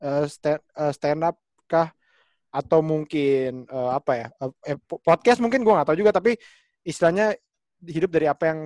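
Hesitant man, fairly high voice. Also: moderate pace, a little mellow, no room sound. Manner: hesitant, many fillers and restarts while thinking aloud. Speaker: stand-up comedian. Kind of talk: casual panel chat.

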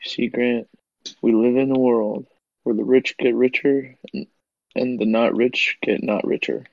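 A man's voice: mid-range voice, steady tone, unhurried, gravelly, no room sound, dull audio. A man in casual chat as a podcast co-host, laid-back and jokey.

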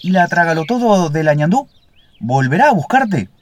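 A man voicing a vain, suspicious older male lapwing bird with a shrill, screeching voice in a storybook fable. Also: sing-song, moderate pace, no room sound.

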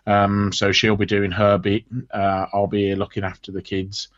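A man's voice: fairly low pitch, monotone, moderate pace, no room sound. A man co-hosting a casual podcast, chatty and enthusiastic, calling people mate. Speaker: podcast co-host. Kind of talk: casual chat. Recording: dull lo-fi sound.

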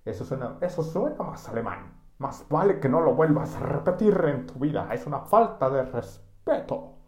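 A man's voice: fairly high pitch, very animated, moderate pace, a little mellow, pitched above the performer's own voice. A man voicing a grumpy, scolding older male heckler with a Mexican Spanish accent, indignant and bossy. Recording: echoey room.

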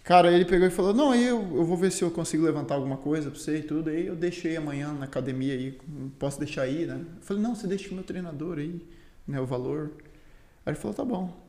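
This Brazilian man, a Muay Thai fighter and teacher appearing as a guest, tells a story casually, with slang and plenty of filler words. His voice is on the high side and a little mellow, he talks fast with a Brazilian Portuguese accent, and the sound is roomy with echo.

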